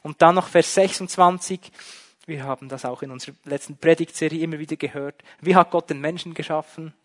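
A man preaching a sermon, emphatic, shifting between loud and soft. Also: on the high side, fairly even intonation, brisk. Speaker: pastor.

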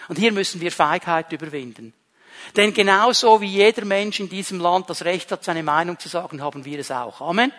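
Man, Swiss German accent, pastor, sermon, high-pitched, long reverb. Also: a little fast, a bit bright. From Switzerland. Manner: emphatic, repeats key phrases.

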